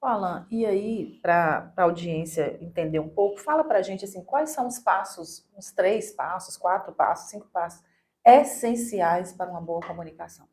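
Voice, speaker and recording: A woman's voice: lowish voice, moderate pace, a little mellow. A woman hosting an interview podcast, asking guiding questions and offering short affirmations. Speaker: podcast host. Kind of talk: casual interview talk.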